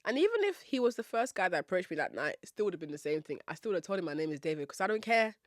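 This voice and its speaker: A woman's voice: on the low side, big pitch swings, very fast, dry recording, clean studio sound. A young woman from Nigeria hosting a podcast, telling a story in a playful, sassy, confident way. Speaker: podcast host. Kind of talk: casual storytelling monologue.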